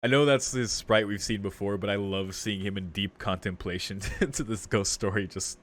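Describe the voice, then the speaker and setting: A visual novel let's play host with a fairly low voice speaks at a moderate pace. He comments casually and reads the dialogue out loud while game music plays.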